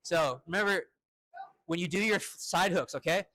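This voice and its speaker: A male fencing instructor running a live drill with crisp, short commands and encouraging words. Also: sits high, normal speed, sharp tone.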